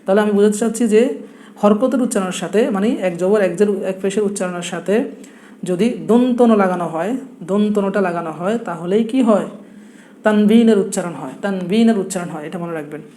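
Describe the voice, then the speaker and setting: A man's voice: high-pitched, brisk, mellow, slight background noise. A young man with a Noakhali Bengali accent, teaching a blackboard lesson and patiently repeating each point with rhetorical questions. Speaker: Quran teacher.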